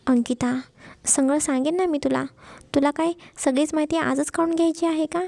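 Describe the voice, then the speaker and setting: A woman voicing a shy, guarded young college woman who speaks hesitantly and softly. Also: high-pitched, fairly even intonation, normal speed, vocal fry, no echo, clean studio sound. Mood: reassuring.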